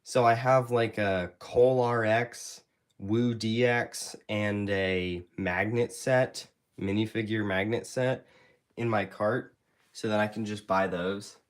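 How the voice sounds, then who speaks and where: A man's voice: fairly low pitch, steady tone, slow. Stuffy young man rambling on a stream. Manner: rambling, hesitant, with many fillers and restarts. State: stuffy from allergies. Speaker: YouTube creator hosting a live Q&A. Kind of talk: casual live stream chat. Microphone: handheld phone camera.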